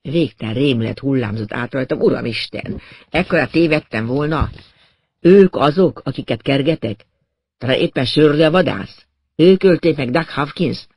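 A man narrating a first-person story in a steady, wry way. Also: mid-range voice, breathy edge, dry recording.

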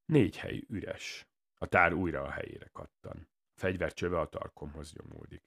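Male narrator, very low voice, dry matter-of-fact first-person audiobook reading. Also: gravelly, fairly bright tone.

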